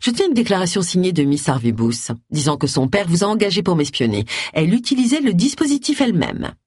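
A blunt middle-aged woman detective, as an audiobook reader puts her on, curt and cutting in every line. The voice is slightly husky and has a lively pitch. The sound is dry and close. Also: quick pace, dry recording.

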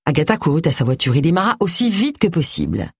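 An audiobook narrator reading a mystery novel in a measured, even storytelling voice. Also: medium pitch, slightly rough, no room sound, studio quality. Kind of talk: scripted narration of a cozy mystery.

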